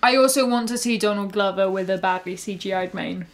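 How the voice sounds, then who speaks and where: A woman's voice: mid-range voice, brisk. A woman co-hosting a podcast in casual chat, playful and joking with a slightly hesitant delivery. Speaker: podcast co-host. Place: her own house.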